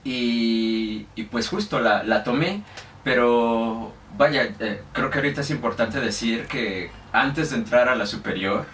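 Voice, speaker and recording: A young Mexican man with a Mexican accent speaks as a guest in a casual interview, hesitating often with lots of fillers and restarts. His voice is mid-range and fairly bright, at a measured pace. The room is echoey, the mic sits at a distance, and there's faint noise.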